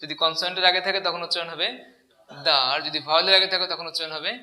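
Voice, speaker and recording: A man's voice: a little high, flat delivery, racing, sharp tone. A man teaching an English grammar lesson, asking the class questions and repeating key words. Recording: echoey room.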